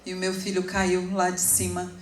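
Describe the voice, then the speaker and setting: A woman in her forties giving an emotional sermon testimony, telling her story slowly with sudden emphatic rises. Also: lowish voice, completely flat delivery. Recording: echoey room, speaker far from mic.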